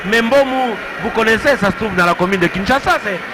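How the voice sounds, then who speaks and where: A man with a Congolese accent giving explanatory, somewhat halting live analysis as a football co-commentator. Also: high-pitched, lively intonation. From Democratic Republic of the Congo. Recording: noisy stadium broadcast. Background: stadium noise.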